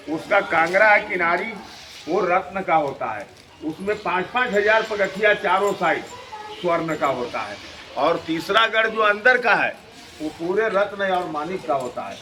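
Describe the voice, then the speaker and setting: Man explaining temple lore over noise. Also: high voice. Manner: recites lore in a steady explanatory flow. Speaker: temple priest. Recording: noisy outdoor background.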